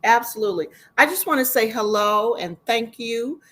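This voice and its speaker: A woman's voice: fairly high pitch, animated, normal speed, a bit bright, poor audio. A middle-aged woman educator speaking as a panelist, talking in a conversational way with frequent ums. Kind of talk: online panel talk.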